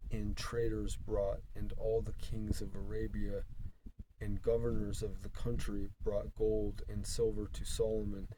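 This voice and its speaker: A man reading scripture aloud in a stiff, halting way, in short broken phrases, on a noisy recording with clicks. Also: fairly low pitch, warm tone. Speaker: Bible reader.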